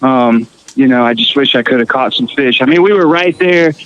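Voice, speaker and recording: A Costa Rican guest musician tells fishing and travel stories in a casual chat, full of fillers and restarts. His mid-range voice moves at a moderate pace, and the audio sounds dull.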